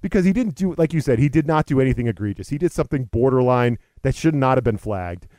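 Male sports podcast host, mellow low-toned voice, ranting and exasperated, casual. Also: expressive, quick pace, no echo.

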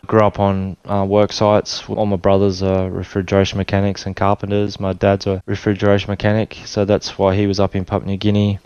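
A lowish, resonant Australian man in his forties talks through his own story in an easy, meandering way. He often stops and restarts his sentences, and his tone barely rises or falls. The sound is slightly dull, like a remote line from home. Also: a little fast, few pauses, clean tone, no echo. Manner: relaxed and rambling, with frequent restarts. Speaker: guest. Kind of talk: casual storytelling interview.

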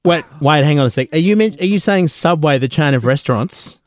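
A man hosting a comedy radio show, lively and laughing often. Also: fairly high pitch, brisk. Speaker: radio host.

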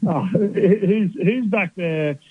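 A man with an Australian accent, a baseball analyst calling in to a sports radio show, chatty and quick to laugh. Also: sits high, husky, no room sound. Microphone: phone call. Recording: tinny phone line.

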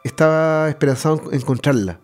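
With faint music behind him, an interviewee with a Chilean accent offers personal testimony in a slightly high voice with a darkish tone. He keeps breaking off and restarting his phrases, halting as he goes.

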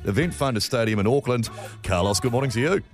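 A man's voice: mid-range voice, animated, fast talker, faint music behind. A man hosting a casual breakfast radio interview. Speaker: radio host.

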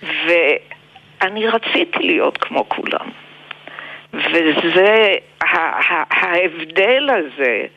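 An older woman with an Israeli accent, speaking reflectively and deliberately in an interview, with pauses and emphatic repetitions. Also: lowish voice, lively intonation, creaky, lo-fi sound. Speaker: interviewed memoir author.

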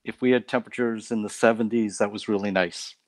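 A man from Canada, a guest on a faith talk show, telling stories about his life in a relaxed way with light laughs. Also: fairly low pitch, quick pace, no echo. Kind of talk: casual testimony interview.

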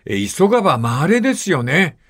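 An older man hosts a morning radio talk, reading listener letters aloud. His speech swings widely in pitch as he tells stories in a lively, animated way, sitting a little higher than most men. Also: moderate pace. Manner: lively storytelling, acting out dialect dialogue. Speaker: radio host.

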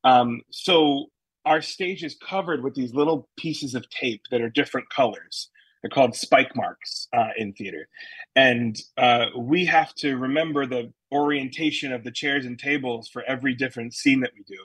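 A man's voice: medium pitch, normal speed, a bit bright, husky, no echo, low-quality recording. A man with a New England accent, a stage actor chatting as an interview guest, explaining with lots of fillers and restarts. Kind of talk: casual interview answers.

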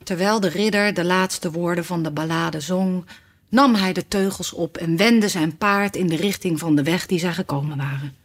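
A woman reading a storybook aloud in an expressive way. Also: fairly low pitch, normal speed. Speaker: narrator.

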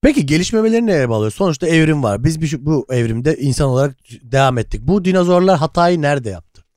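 A man co-hosting a comedy podcast, firing off jokes at a brisk clip. His voice sits a touch high, and the recording is close and dry with no room sound. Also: animated, darkish tone, dry recording. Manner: jokey, riffing, quick banter. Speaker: podcast co-host. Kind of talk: casual comedic chat.

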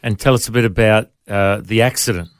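A man's voice: lowish voice, a little fast, clean tone, dry recording, studio quality. A man with an Australian accent hosting a conversational interview. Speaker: interview show host.

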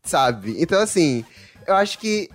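Faint music plays behind this quiz host, a man from Salvador, Bahia, Brazil, whose Bahian Portuguese accent comes through as he runs a casual game with frequent laughter. His voice is a little high and sing-song, at normal speed.

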